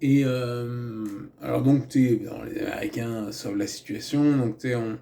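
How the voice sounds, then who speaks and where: A man's voice: mid-range voice, fairly even intonation, normal speed, vocal fry, dark tone. A man giving a loose, rambling film review in casual chat, full of fillers, restarts and asides. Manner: meandering, many fillers and restarts, chatty asides.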